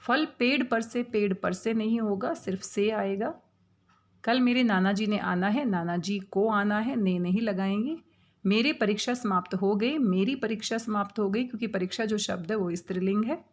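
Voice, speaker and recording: A woman's voice: medium pitch, moderate pace. A woman teaching Hindi grammar to young students, explaining patiently, asking questions and answering them herself. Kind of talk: exam-prep grammar lesson.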